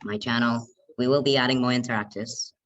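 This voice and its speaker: Man leading a video-call lesson: halting, even-toned, dull dry call sound. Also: mid-range voice, no echo. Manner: halting, hesitant, many restarts. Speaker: online lesson leader. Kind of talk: leading an online group lesson. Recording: muffled video call audio.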